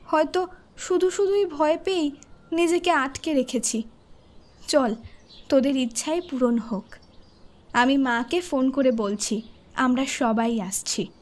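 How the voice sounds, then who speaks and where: Uneasy young woman, high voice, a bit irritable, horror audio drama. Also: a little slow, long pauses. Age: young adult.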